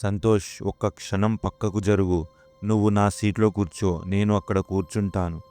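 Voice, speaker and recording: A man voicing a calm young husband on a night bus trip, reading his lines plainly in his own voice. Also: lowish voice, moderate pace, faint music behind, close to an everyday voice. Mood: reassuring.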